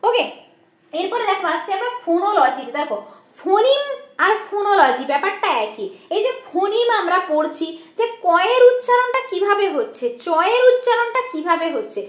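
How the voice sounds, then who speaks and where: A woman's voice: very high-pitched, lo-fi sound. A woman teaching an exam-prep lesson, explaining step by step and answering her own questions, often slipping in English terms. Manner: mixes in English terms and phrases. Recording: echoey room.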